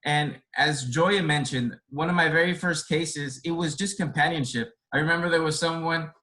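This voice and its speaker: A man from Boston, Spanish being his first language, joins a video call as a care resource coordinator and earnestly reflects on a webinar panel question in long, rambling sentences. His voice is a little high, pushed and bright, with fairly even intonation at normal speed. Audio quality is poor.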